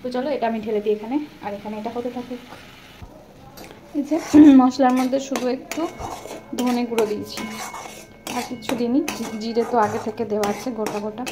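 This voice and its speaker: Woman vlogger, thirties, quick and slightly high voice, chatty and rambling, phone recording with faint clatter. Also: steady tone, background noise. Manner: chatty, rambling, self-correcting. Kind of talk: casual daily vlog narration. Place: home kitchen and rooftop.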